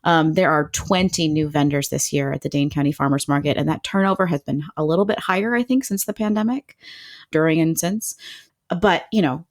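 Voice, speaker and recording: A woman chats away on a podcast, her voice sitting on the low side. She is enthusiastic and casual and scatters "like" through her sentences. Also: fairly quick. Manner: chatty and enthusiastic, many "like"s. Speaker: podcast co-host. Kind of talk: casual chat.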